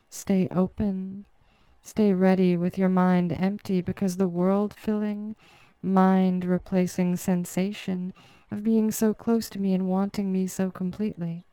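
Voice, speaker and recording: Sultry woman doing slow hypnotic narration, smooth voice, super dry close mic. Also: on the low side, dry recording, low-quality recording. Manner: soft, sultry and commanding. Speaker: erotic audio narrator.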